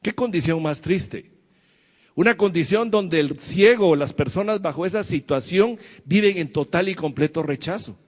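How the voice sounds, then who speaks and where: A man's voice: high voice, moderate pace, in a large hall. A man preaching a sermon to his church, asking the congregation questions as he goes. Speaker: pastor.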